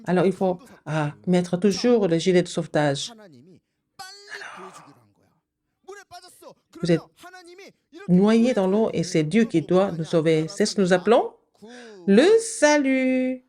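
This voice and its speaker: Slow, animated woman preaching to children. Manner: asks the children questions, then answers them; animated, with sudden high exclamations. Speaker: kindergarten preacher. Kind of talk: children's sermon.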